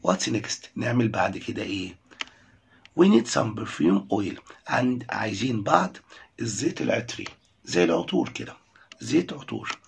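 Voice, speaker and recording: A man with an Egyptian Arabic accent, teaching an English lesson, reading each phrase slowly, translating it, then quizzing the listener. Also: fairly low pitch, expressive, gravelly, a little hiss or hum.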